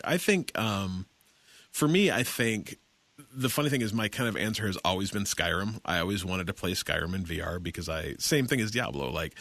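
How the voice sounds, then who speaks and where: A man in his thirties chats on a podcast in a low voice, circling back on himself and warming up with enthusiasm. The sound is dry, with no room around it. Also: no room sound. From Seattle area, USA. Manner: rambling, self-correcting, enthusiastic. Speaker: podcast host. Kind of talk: casual podcast chat.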